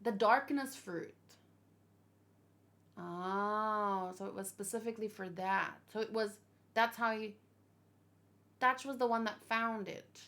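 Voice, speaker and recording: She speaks slowly at a medium pitch, leaving long pauses, her tone fairly bright. Hosting a manga reaction video, she keeps things casual and off the cuff, musing aloud and asking questions.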